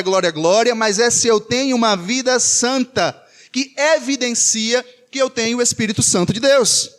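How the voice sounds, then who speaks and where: A Brazilian man preaches in a high voice. He speaks with emphasis, repeats his key phrases, and poses rhetorical questions to the congregation. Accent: Brazilian Portuguese. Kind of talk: sermon.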